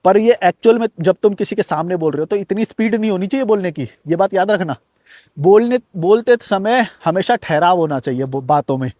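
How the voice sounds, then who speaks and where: A man hosting a self-help video, talking fast in an unbroken flow and addressing the viewer directly, words into his speech. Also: sits high, expressive, a little mellow, no room sound, clean studio sound. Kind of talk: fast-paced motivational talk to camera. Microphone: recording to camera on a device.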